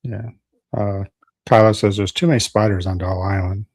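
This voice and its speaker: A man's voice: fairly low pitch, moderate pace, husky, dry recording, clean studio sound. A man hosting a paranormal podcast, chatting casually with his guest and reading out comments from listeners. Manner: relaxed, reads out chat comments. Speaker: podcast host. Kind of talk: casual interview.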